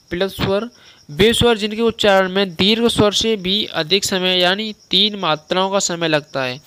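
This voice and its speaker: A young male teacher with a high, bright voice gives a relaxed grammar lesson. His delivery is crisp and clear, and he keeps repeating definitions and asking the listener questions. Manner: conversational, repeats points and quizzes the listener. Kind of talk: spoken lesson on Hindi grammar.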